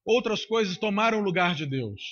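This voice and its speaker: A man's voice: high voice, expressive, a little fast, a bit bright. A man preaching a sermon into a handheld microphone, emphatic and repetitive. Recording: dull lo-fi recording.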